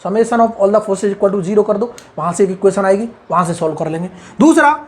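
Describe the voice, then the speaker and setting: A man with a notably high voice gives a whiteboard engineering lecture. He walks through each step, keeps asking if it is all clear and praises under his breath. His key terms come back again and again. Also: moderate pace. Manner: repeats key terms, drops to a soft murmur on asides. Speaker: engineering tutor.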